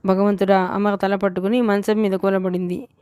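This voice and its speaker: A woman's voice: mid-range voice, normal speed, clean tone, dry recording. A woman narrating a novel as an audiobook, reading evenly and often correcting herself. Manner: even storytelling with frequent self-corrections. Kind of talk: novel read aloud.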